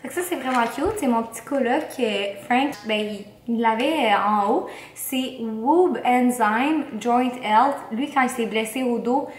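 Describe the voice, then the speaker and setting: A woman's voice: on the high side, unhurried. Young Québécois woman, mouth swollen from dental surgery. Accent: Québécois French. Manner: slangy, peppered with English words. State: mouth swollen after wisdom teeth removal, limited jaw opening. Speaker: vlogger. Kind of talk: casual vlog chat. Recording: roomy echo, faint background noise.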